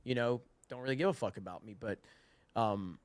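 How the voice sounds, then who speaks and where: A man's voice: mid-range voice, brisk, darkish tone, dry recording. A man talks loosely on a livestream from a political convention, stopping and restarting his thoughts with many fillers. His handheld mic sits too far from his mouth, so his voice keeps glitching and dropping out. The sound is dry and close. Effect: mic audio cutting out and dropping. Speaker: livestream co-host. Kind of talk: casual livestream chat. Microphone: handheld mic held too far from the mouth.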